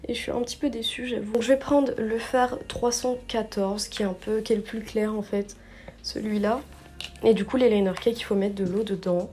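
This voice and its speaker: A woman's voice: medium pitch, fairly even intonation, moderate pace, warm tone, slight background noise. A young woman narrating her makeup step by step in a casual vlog, chatty and full of little fillers and self-corrections. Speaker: beauty vlogger.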